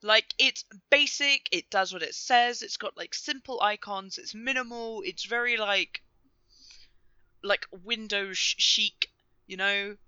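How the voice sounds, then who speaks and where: A Canadian woman co-hosting a podcast in casual, joking banter, animated and swearing freely. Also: mid-range voice, measured pace, clean tone, no echo, dull audio. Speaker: podcast co-host.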